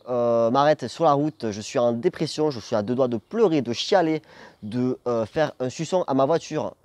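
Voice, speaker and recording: A man's voice: mid-range voice, dark tone, dry recording. Slangy young man, theatrical. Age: young adult. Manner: jokey, theatrical, swearing freely. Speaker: vlogger telling a personal story. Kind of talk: casual slangy storytelling to camera.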